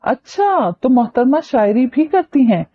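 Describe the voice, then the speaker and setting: Teasing young man, mischievous and mocking, lively pitch, as a woman reader voices him, lo-fi audiobook. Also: a little slow, full character voice.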